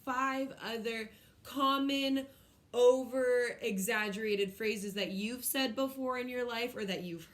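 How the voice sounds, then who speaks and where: A woman's voice: a little high, slow. A young woman teacher giving a recorded lesson to a fourth-grade class, chatty and telling a story along the way. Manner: chatty, storytelling with acted-out quotes.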